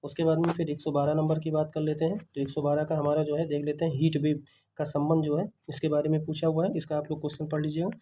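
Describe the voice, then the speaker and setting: A man tutoring students through an exam paper's answer key, speaking. He repeats each answer back as a quick question to himself. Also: fairly high pitch, monotone, mellow, a little hiss or hum.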